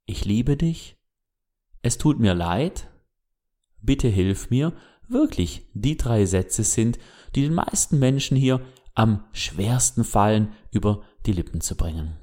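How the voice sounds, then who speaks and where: Slow, gently questioning male speaker. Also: fairly low pitch, animated. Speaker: self-help speaker. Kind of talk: reflective motivational monologue.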